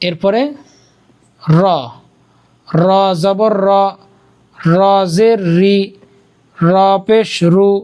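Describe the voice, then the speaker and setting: A teacher leading a Quran reading lesson, chanting letter and vowel drills in a steady rhythm and then briefly explaining how to say them. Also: mid-range voice. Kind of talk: slow drilled recitation lesson.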